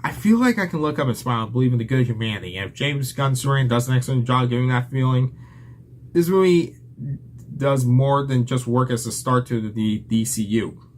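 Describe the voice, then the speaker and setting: A man's voice: mid-range voice, fast, slight background noise. A young man giving a casual, enthusiastic movie review, rambling with restarts and a little out of breath.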